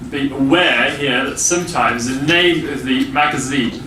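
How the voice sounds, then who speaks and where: A man teaching English grammar to a class, explaining slowly with many pauses and fillers. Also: mid-range voice, bright, forceful tone, slight background noise. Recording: echoey classroom from far off.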